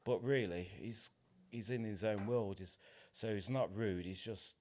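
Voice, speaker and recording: A man in his forties, a playwright and actor, appears as a podcast guest in a reflective, casual interview, hesitant and informal in manner. His voice is fairly low and darkish, with a measured pace and a little hiss or hum on the recording.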